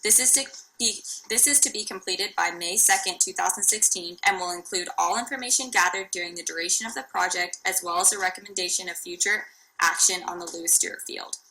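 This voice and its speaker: A woman's voice: lowish voice, brisk, bright, forceful tone, a little hiss or hum, rough recording. A young woman from Texas, a student reading a formal class presentation, with the odd restart.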